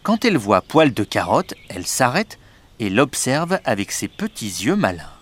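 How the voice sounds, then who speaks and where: A man narrating a storybook reading in a lively, expressive way. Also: mid-range voice, moderate pace.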